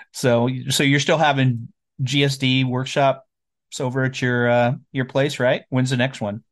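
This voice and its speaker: A man with a medium-pitched voice hosts an informal interview. He sounds conversational and chatty, phrasing things as he would in everyday talk. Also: little pitch movement, slow pace, long pauses. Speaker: podcast host.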